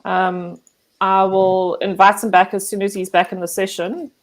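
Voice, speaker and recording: A woman moderating an online meeting, brisk and polite. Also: medium pitch, level tone, poor audio. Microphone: video call.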